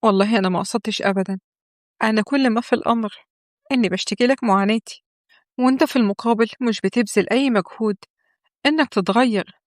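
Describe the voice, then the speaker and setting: A woman's voice: a little high, fast, no echo, lightly acted. A woman voicing a tearful, desperate young pregnant wife who pleads emphatically, in an Egyptian accent. The voice sounds dry, close to the microphone. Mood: bitter. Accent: Egyptian Arabic.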